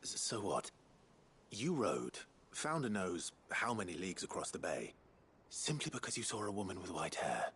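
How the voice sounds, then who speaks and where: An actor playing a composed, sceptical male adventurer in a video game, speaking in a measured, questioning way. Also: sits low, big pitch swings, fairly bright tone, husky, heavily acted. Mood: calm, sceptical.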